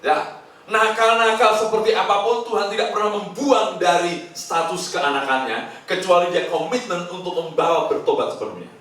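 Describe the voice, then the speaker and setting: A man preaches with animated energy, slipping into quoted voices between points. His slightly high voice comes from some distance across a very echoey hotel hall. A faint hiss sits under it. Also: moderate pace. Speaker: pastor. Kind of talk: sermon.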